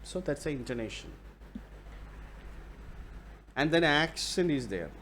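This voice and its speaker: Man lecturing super slowly, flips into malayalam a lot, faint noise behind. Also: medium pitch, very animated, fairly bright tone. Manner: slow, deliberate, switches between English and Malayalam; explains through repeated examples. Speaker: university lecturer. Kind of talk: recorded bilingual lecture.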